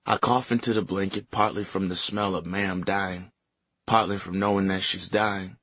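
A man narrating a novel in first person with a measured, lyrical reading, on a close mic. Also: low-pitched, steady tone, a bit bright, husky, no room sound. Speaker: audiobook narrator. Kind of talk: scripted narration.

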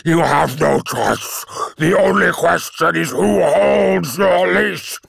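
A man voicing a defiant male demon who roars and shouts his threats. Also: on the high side, slow, vocal fry, no echo, studio quality, pitched above the performer's own voice, exaggerated voice. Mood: roaring fury.

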